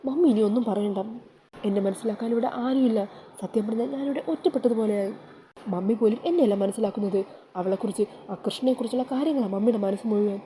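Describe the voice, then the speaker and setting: A woman's voice: fairly high pitch, fast, warm tone, slight background noise, lightly acted, poor audio. A woman voicing a frightened young wife who pleads and gets upset, sure a snake haunts her. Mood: angry.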